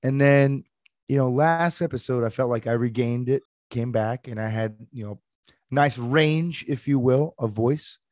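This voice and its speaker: A man co-hosting a podcast in casual chat, his voice hoarse and worn out from being sick. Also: mid-range voice, unhurried, a little mellow, no echo. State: hoarse, lost his voice to illness. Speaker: podcast co-host.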